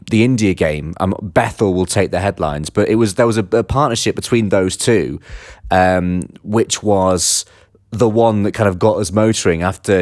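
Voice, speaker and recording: Male podcast co-host, very low voice, dry close sound, chatty and teasing. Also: no echo. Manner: teasing, chatty, lots of fillers. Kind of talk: casual cricket chat.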